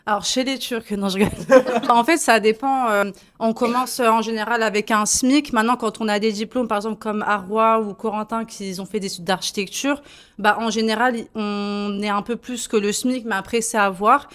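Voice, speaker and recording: A woman's voice: fairly high pitch, steady tone, normal speed, a bit bright. A woman who sells kitchens, answering young visitors' questions in a chatty, casual way with lots of fillers, in a showroom. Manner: chatty, laughs easily, many fillers. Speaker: kitchen salesperson.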